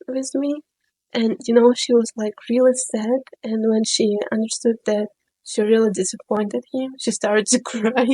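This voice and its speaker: A woman telling a personal story in a storytime vlog, in a chatty, unhurried way full of "you know" and "like". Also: medium pitch, mellow, no room sound, low-quality recording.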